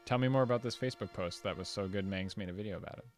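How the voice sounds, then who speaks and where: A man's voice: on the low side, very fast. Casual male streamer, chatty, rambling commentary, faint music behind. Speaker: game streamer.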